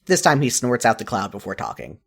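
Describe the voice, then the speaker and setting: Reading a second-person story aloud, this narrator performs expressively, like a fan fiction audiobook. The voice is medium in pitch, brisk, and creaky.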